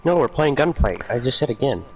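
A man's voice: medium pitch, expressive, fairly quick, poor audio. A young man playing a shooter with a friend, insisting on his point and swearing when a round goes badly. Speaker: gaming buddy. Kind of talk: casual gaming banter.

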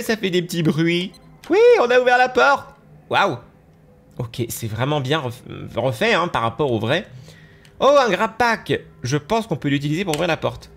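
A young man with a nasal, stuffy voice giving excitable let's-play commentary over a game, gasping and exclaiming as he goes. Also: fairly high pitch. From France. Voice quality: nasal from allergies. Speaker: gaming YouTuber.

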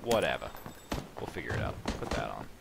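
A man's voice: rumbling low, very animated, fairly quick, gravelly, very noisy. A man hosting a casual let's play, thinking aloud with rambling, self-mocking asides. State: sleepy, yawning at the start. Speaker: gaming channel host.

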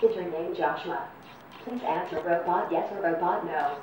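A computer-generated female robot voice announces each step in a flat, formal and evenly paced way. It sits a little low and is heard from a distance in a very echoey room. Steady noise hangs behind it. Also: moderate pace. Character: service robot speaking to people. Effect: synthetic text-to-speech robot voice. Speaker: service robot. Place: indoor robot test arena.

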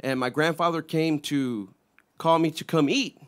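A man's voice: a little high, normal speed, smooth. A man in the band telling a childhood story casually and animatedly, acting out the people he quotes. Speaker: band guitarist.

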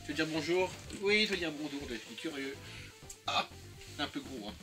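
A man's voice: a little high, lively intonation, a little fast, pushed and bright, faint music behind. A man in his thirties chatting casually and joking about flea market finds, laughing often. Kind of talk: casual chat.

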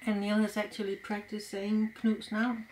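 A woman's voice: mid-range voice, flat delivery, moderate pace, a little mellow, a little hiss or hum, poor audio. A woman from Denmark, a native Danish speaker, chatting casually as she tastes food. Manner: chatty, eating while talking. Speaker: co-host tasting food. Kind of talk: casual chat.

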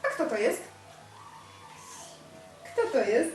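A woman's voice: fairly high pitch, expressive, slow pace, music in the background. A young woman reading a picture book aloud to a small child, coaxing him with simple questions and praising his answers. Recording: echoey room, distant mic, faint noise.

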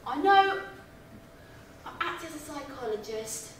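A young woman performs a comic monologue as a vain, brash actress at the end of her rope, confiding indignantly, swearing and playing it sassy and theatrical. She pitches her voice above her natural one, keeping it high, animated, unhurried and a bit bright. The sound comes from a noisy room, very echoey and distant.

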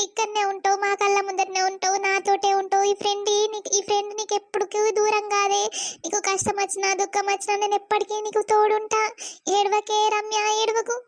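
A woman's voice: very high voice, no room sound. A woman voicing a comforting young best friend in a cartoon, with a Telangana accent and an affectionate manner. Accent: Telangana Telugu. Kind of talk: cartoon voice acting.

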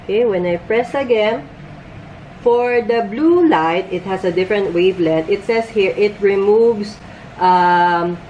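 A woman's voice: mid-range voice, measured pace, warm tone, dull audio, slight background noise. Chatty woman reviewing while wearing a face mask. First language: not English. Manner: chatty, hesitant, restarts words. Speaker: beauty vlogger. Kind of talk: casual product review. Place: home room by a bright window.

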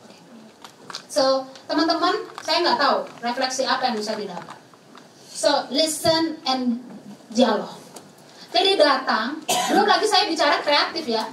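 A woman's voice: high voice, animated, measured pace, a bit bright, recorded from a distance. A woman giving a talk to students, acting out dialogues with children, slipping English phrases in and laughing often. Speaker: speaker at a student camp session. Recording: roomy hall, from the mic, faint noise.

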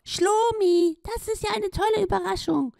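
A woman's voice: extremely high pitch, normal speed, vocal fry, a little mellow, no echo, studio quality, voice pushed up. A woman voicing a small, glowing hippo-like creature who gushes with friendly, effusive delight. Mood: gushing. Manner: effusive, gushing welcome.

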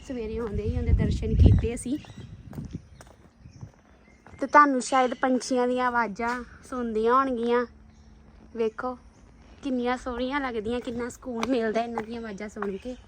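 A woman's voice: on the high side, steady tone, normal speed, noisy background. A woman chatting casually as she films a daily vlog, showing viewers around a rural home and garden. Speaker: vlogger.

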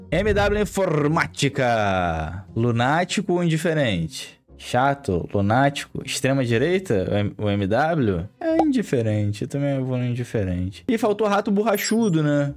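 A male streamer talks on a live stream in a lively voice that swings up and down. He hands out blunt, irreverent snap verdicts packed with slang. Faint music plays in the background. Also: mid-range voice.

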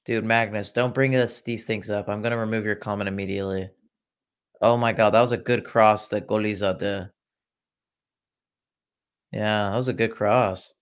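A man's voice: lowish voice, steady tone, moderate pace, pauses often, clear, resonant tone. A young man from Iran hosting a casual football watchalong livestream, chatting and reacting to viewer comments with sarcastic asides. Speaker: livestream host. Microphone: laptop.

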